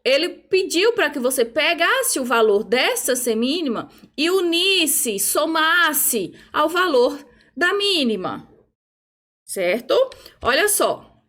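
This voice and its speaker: High-pitched lady teaching rhythm online, patient, keeps checking everyone's following. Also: sing-song, slow pace, fairly bright tone. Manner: patient explaining, frequent "ó" and "tá?" checks; chants rhythm syllables while conducting. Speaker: music teacher. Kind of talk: online music theory lesson.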